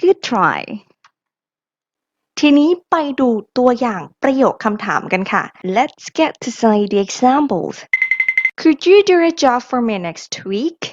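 Slow, lively woman teaching English. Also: on the high side, muffled recording, slight background noise. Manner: slow, drilling pronunciation with call-and-repeat. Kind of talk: audiobook English lesson.

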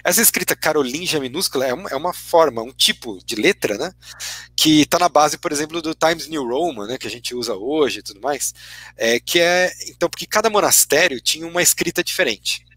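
A man's voice: a little high, expressive, a little fast, fairly bright tone, no echo. A man with a Brazilian Portuguese accent, a guest lecturer giving a teacherly explanation, tagging his sentences with constant "né" questions. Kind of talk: explanatory academic talk.

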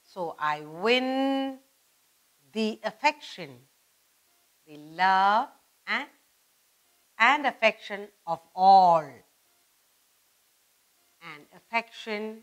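Pausing often and speaking very slowly, a middle-aged Indian-accented woman gives a lesson for young children at a whiteboard in an indoor studio. Her medium-pitched voice has lively intonation, and she stresses simple phrases and questions again and again, but the recording is rough.

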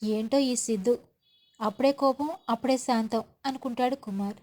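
A woman's voice: fairly high pitch, moderate pace, a little mellow. A woman retelling a TV serial episode, reading all the characters' lines herself with linking phrases between them. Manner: reads every character's lines in her own voice with linking phrases. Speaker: TV serial recap narrator.

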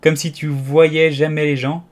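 A man's voice: medium pitch, lively intonation, normal speed, lightly acted. A man voicing a proud, bossy talking tiger lily in an audiobook, imperious and scolding. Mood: haughty.

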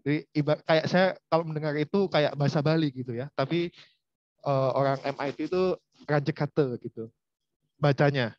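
Chatty lecturer, fairly high voice. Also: male voice, a little fast, no room sound. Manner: chatty, addresses students directly. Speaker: university lecturer. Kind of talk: online lecture. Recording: dull, lo-fi.

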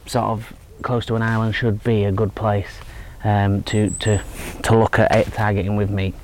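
A thirtysomething man teaches fishing at a lakeside spot, easygoing but halting, often using fillers and starting over. He speaks in a lowish voice, and faint outdoor noise can be heard around him.

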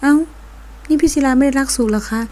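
A woman voicing a playful, teasing young woman in an audio novel, coy and high-toned. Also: fast talker, darkish tone, a little hiss or hum, lightly acted.

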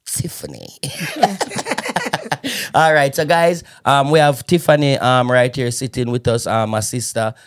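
A man with a Jamaican accent hosting a casual podcast, talking in a lively, playful way and dropping patois phrases. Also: medium pitch, slow pace. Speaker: podcast host.

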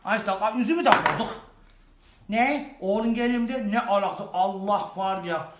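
A performer playing an overworked, sharp-tongued young bride in a comic sketch, fast and scolding. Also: mid-range voice, very noisy, lightly acted. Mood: indignant. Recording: roomy echo.

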